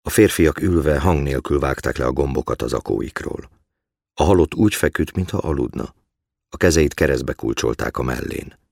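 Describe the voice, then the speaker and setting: A man calmly reading a story aloud in a measured way. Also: rumbling low, gravelly, no room sound, clean studio sound. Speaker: narrator. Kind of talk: scripted story narration.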